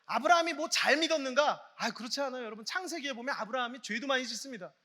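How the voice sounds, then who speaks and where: A man preaching a sermon as a guest pastor, earnest and encouraging. He moves between hushed, almost whispered lines and loud exclaiming calls to the congregation. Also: very high voice, lively intonation, racing. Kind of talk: sermon at a Friday night prayer meeting. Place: large church sanctuary. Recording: long reverb of a large church hall.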